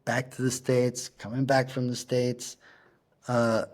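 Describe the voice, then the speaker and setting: A middle-aged man, a punk rock singer, talking as a guest in a casual interview, halting and searching for words as he tells stories. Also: mid-range voice, level tone.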